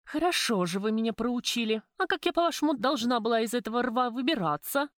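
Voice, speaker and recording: A woman voicing a sharp-tongued, defiant young woman who speaks sarcastically in raised tones in an audiobook. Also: lively intonation, brisk, dry recording, clean studio sound, close to an everyday voice. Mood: furious. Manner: sarcastic, pitched up and louder than the narrator.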